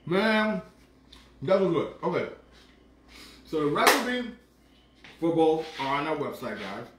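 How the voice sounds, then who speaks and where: A man's voice: fairly high pitch, takes it slowly, heavy background noise. A man in his fifties hosting a casual live cooking show from his home kitchen, playful and humming over his food. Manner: animated, playful, savoring food aloud with hums. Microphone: phone camera on the counter. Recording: echoey kitchen room.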